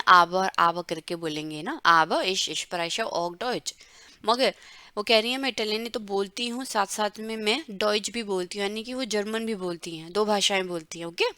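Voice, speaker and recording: A woman teaching a German lesson, explaining words and drawing out pronunciation slowly. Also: medium pitch, a bit bright, clean tone, no echo. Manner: slow, drawn-out pronunciation drills. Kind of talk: bilingual language lesson.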